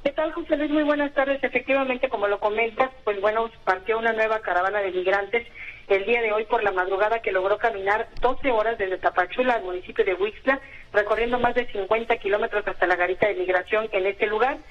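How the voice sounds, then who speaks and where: Field reporter on a muffled line. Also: female voice, medium pitch, brisk. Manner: steady, informative, with filler words.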